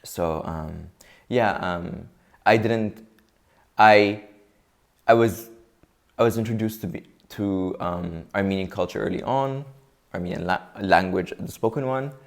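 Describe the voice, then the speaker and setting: Brief: young male interview guest from Lebanon, low and gravelly, measured and reflective. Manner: thoughtful, measured, restarts often. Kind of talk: interview answers.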